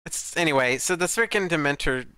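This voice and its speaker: A man in casual podcast chat reviewing a film, animated, laughing often and acting out scenes. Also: on the high side, fairly quick, smooth, no room sound.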